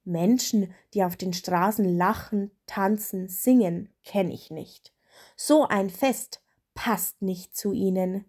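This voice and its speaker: A woman voicing a grumbling old raven in a storybook, speaking low and sceptical. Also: slow, a little mellow.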